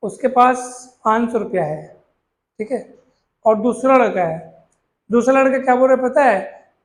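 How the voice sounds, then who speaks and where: A man's voice: very high-pitched, expressive, normal speed. A male maths teacher, explaining a lesson in a coaxing way, repeating points and asking his students questions. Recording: echoey room.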